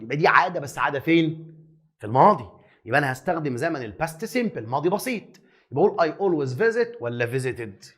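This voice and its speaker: Fast, high-voiced Egyptian teacher. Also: male voice. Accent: Egyptian Arabic. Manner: lively, teasing, asks and answers his own questions. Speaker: English teacher. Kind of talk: exam review lesson.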